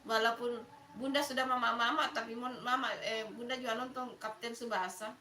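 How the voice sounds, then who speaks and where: Here a middle-aged woman with a Makassar accent, from South Sulawesi, chats on a casual live stream, calling viewers by name and laughing often. Her fairly high voice is sharp and steady at a moderate pace. The room echoes, she's off-mic and far away, and there's a little hiss or hum.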